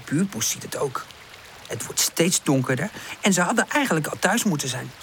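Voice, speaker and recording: A woman reading a children's audiobook aloud, calm and gentle. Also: sits low, moderate pace, a little hiss or hum. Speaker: audiobook narrator.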